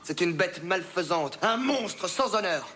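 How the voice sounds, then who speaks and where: A man's voice: sits high, expressive, a little slow, pushed and bright, a little hiss or hum, exaggerated voice. An actor playing a melodramatic young nobleman who speaks grandly and pompously. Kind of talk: film drama acting.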